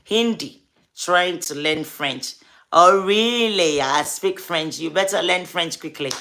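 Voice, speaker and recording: A gospel artist with a Ghanaian accent runs a relaxed livestream, chatting with viewers as they arrive, greeting them by name, and repeatedly urging them to subscribe. Her lowish voice is bright and forward, and she talks at an easy, unhurried pace with frequent pauses.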